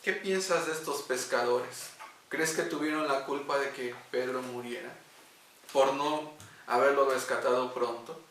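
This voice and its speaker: A man's voice: medium pitch, unhurried, fairly bright tone. Earnest man telling a devotional story. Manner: earnest, with hesitant fillers. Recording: echoey room, distant mic.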